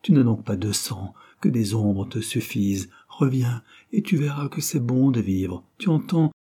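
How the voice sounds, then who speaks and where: A man's voice: medium pitch, normal speed, warm tone, slightly rough, voice pushed up, close to an everyday voice. A man reading a novel aloud, voicing a passionate young woman who pleads urgently with her lover. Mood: pleading passionately. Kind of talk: audiobook character reading.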